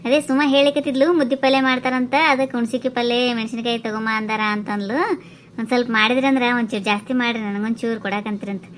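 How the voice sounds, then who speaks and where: Woman doing a cartoon neighbour, sweet-talking and sly, North Karnataka Kannada accent, slightly high, fast, faint background hiss. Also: steady tone, close to an everyday voice. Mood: wheedling. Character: wheedling young neighbour woman, sly gossip. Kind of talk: comic cartoon voice acting.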